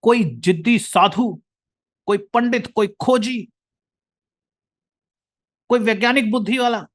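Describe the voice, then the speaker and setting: High-voiced Indian man lecturing earnestly. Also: slow. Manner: earnest, addresses listener as brother. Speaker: motivational speaker. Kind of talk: lecture to listeners.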